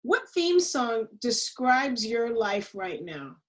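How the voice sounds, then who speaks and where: A woman hosting a podcast, asking playful quick-fire interview questions. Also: fairly high pitch, sing-song, a little hiss or hum. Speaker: podcast host.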